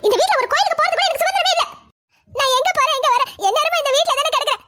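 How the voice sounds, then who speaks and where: A performer doing a shrill complaining cartoon wife. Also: fairly even intonation, rapid-fire, bright, forceful tone, faint music behind. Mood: self-pitying. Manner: shrill, complaining, self-pitying. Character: fretful, complaining young wife and mother. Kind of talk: cartoon family drama voice acting.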